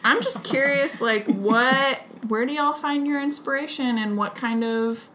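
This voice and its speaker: Woman, podcast co-host, giggly, rambling, fairly high voice, faint hiss. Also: measured pace, sharp tone. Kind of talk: casual chat.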